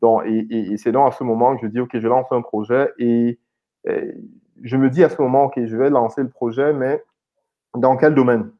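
A man's voice: mid-range voice, steady tone, moderate pace. A man from Cameroon in his thirties, an IT consultant and founder, talking casually as an interview guest with many fillers and repeated words. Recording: slightly dull lo-fi audio.

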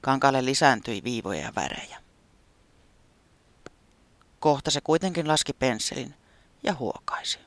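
A gentle storyteller reading a children's tale with lively, expressive pitch. At times the voice drops to a soft whisper, and the recording is close and dry. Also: pauses often, no echo.

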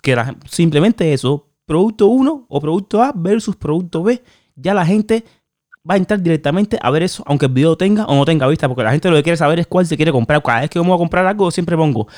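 A Cuban man co-hosting a casual chat about YouTube, animated, repeating words and using many fillers. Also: a little high, fast, hardly any pauses, dry recording, clean studio sound. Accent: Cuban Spanish. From Cuba. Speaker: YouTuber co-host.

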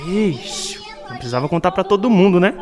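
An actor playing an excitable, mischievous little elf in a scripted children's show. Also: male voice, high-pitched, a little fast, soft background music. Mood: sheepish. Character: excitable mischievous little elf, worried about his mess.

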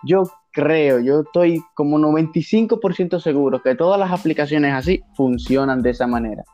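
Young man, Dominican accent, slightly high pitch, slangy casual chat, explains through examples, faint music. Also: a little fast, dark tone, muffled recording.

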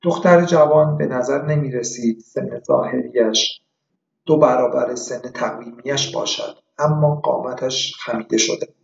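A man reading a short story aloud with measured, reflective narration. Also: medium pitch, vocal fry, far from the mic. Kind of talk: scripted narration. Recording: echoey room, dull lo-fi.

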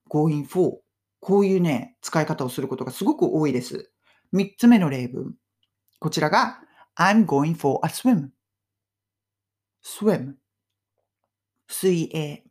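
A woman hosting a casual English lesson in Japanese, modeling English phrases slowly and clearly for listeners to repeat. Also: low-pitched, mellow. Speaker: English teacher podcast host.

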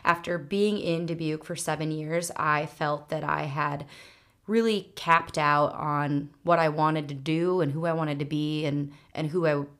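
Low-voiced chatty woman from Wisconsin. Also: fairly even intonation, measured pace, fairly bright tone. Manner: chatty, many filler words and restarts. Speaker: podcast guest. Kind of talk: casual chat.

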